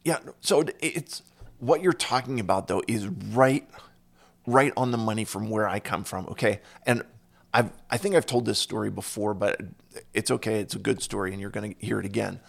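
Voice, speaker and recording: A man hosting a casual interview conversation, telling stories and getting animated when he quotes other people. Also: lowish voice, normal speed, vocal fry.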